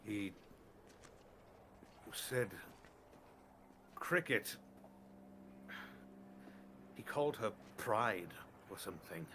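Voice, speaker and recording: A low-voiced man thinks aloud in character during a tabletop game. He hesitates and restarts as he pieces things together. Faint room noise sits behind him. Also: slow, long pauses, fairly bright tone. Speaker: player. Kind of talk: in-character tabletop role-play.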